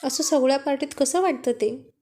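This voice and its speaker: A woman's voice: sits high, fairly quick, mellow, natural voice. A woman voicing a flustered, guilt-ridden young wife in a spoken story, pleading and embarrassed.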